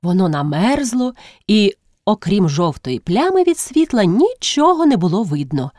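Expressive woman reading a classic story. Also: medium pitch, moderate pace, dry recording, studio quality. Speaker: narrator. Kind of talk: scripted narration of a classic story.

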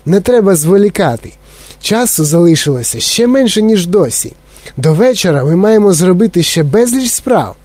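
Storybook: man playing a manic, gushing factory owner, pitched up, husky, dry close read. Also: dark tone, dry recording. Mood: hurried. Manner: gushing, breathless, exclamatory. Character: giddy eccentric male candy-factory owner.

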